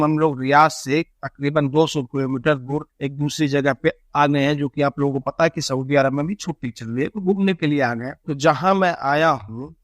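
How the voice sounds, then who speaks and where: A young male vlogger tells a story in an easy, chatty way, acting out each side of a conversation in quotes. His voice sits a little high for a man. The sound is dry and close, with no room echo. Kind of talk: casual storytelling vlog.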